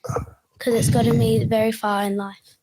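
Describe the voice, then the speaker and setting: A woman's voice: on the high side, little pitch movement, a little slow, warm tone. Earnest young Australian girl. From Perth, Western Australia. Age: child. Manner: short, earnest answers. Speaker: young guest. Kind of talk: interview answers.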